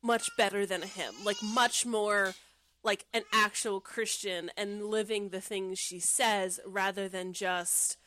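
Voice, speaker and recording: A woman's voice: medium pitch, fairly even intonation, takes it slowly, sharp tone, a little hiss or hum. A young woman co-hosting a casual podcast, speaking emphatically and laughing often. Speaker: podcast co-host. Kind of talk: casual chat.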